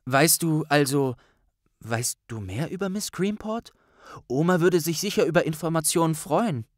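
A man's voice: fairly high pitch, animated, normal speed, dry recording, voice pushed up, natural voice. A timid, awkward teenage wizard who stammers and stumbles over his words, as a male narrator puts him on. His voice is raised a little and sways nervously, close-miked and dry. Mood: eager. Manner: stammering and flustered.

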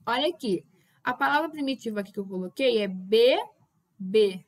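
High-voiced woman teaching Portuguese. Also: lively intonation, moderate pace. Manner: explains patiently with frequent check-ins; calls out words loudly to show stress. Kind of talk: classroom lesson at a whiteboard.

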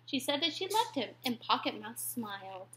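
A woman reading a rhyming children's story aloud, expressive and dropping to whispers at tense moments. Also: on the high side, normal speed. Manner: expressive, drops to whispers for suspense.

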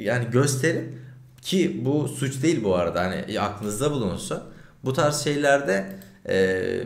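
A man, a journalist streaming, giving indignant, animated commentary over a video clip. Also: medium pitch, roomy sound.

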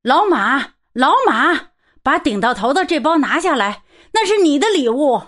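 A woman reads out a hearty, booming big man in a storybook, voice jumping up high and loud with every greeting. He shouts everything with lively, swinging pitch. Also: a little slow. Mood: jovial shouting. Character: boisterous big red-nosed middle-aged man.

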